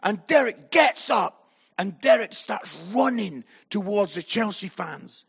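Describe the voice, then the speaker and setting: A middle-aged Scottish pastor telling funny stories in a sermon, acting out voices and shouting in his anecdotes. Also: high-pitched, lively intonation, a little slow, gravelly, husky. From Scotland. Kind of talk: humorous sermon storytelling.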